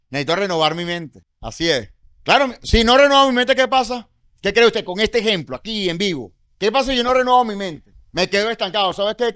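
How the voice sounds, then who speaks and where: High-voiced Venezuelan man preaching. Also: a bit bright, clean tone, no room sound, studio quality. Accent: Venezuelan Spanish. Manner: conversational preaching with frequent rhetorical questions; exhorting, encouraging. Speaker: congregation teacher. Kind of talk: Bible study sermon.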